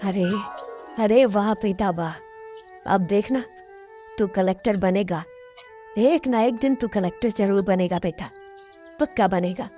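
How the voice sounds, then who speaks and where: A woman voicing a poor, hardworking father who is proud and stubborn, with a gruff way of brushing off worry, in a cartoon storybook. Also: medium pitch, a little slow, long pauses, warm tone, faint music behind, close to an everyday voice.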